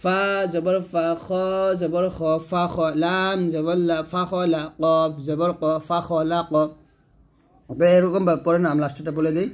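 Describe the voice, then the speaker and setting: A man's voice: on the high side, little pitch movement, a little slow. A man teaching Quran reading, spelling out each letter with its vowel mark and then blending the syllables, asking the viewer to repeat after him. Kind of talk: spelled-out recitation lesson.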